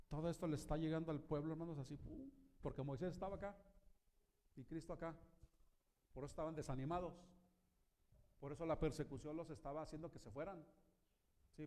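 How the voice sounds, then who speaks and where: Pastor, male, slightly high voice, animated sermon full of questions to the congregation. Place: church.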